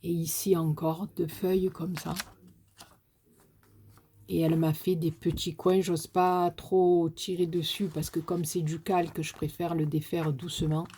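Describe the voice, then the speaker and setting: A woman's voice: lowish voice, level tone, a little slow, warm tone, a little hiss or hum. A woman with a Marseille accent chatting casually as she opens a parcel on her vlog, gushing and swearing with delight. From Marseille, France. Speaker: crafting YouTuber.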